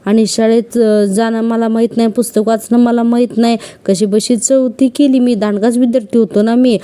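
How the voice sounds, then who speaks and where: A woman voicing a humble, reformed male prisoner who speaks slowly and earnestly. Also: a little high, fairly even intonation, dark tone, clean tone, lightly acted.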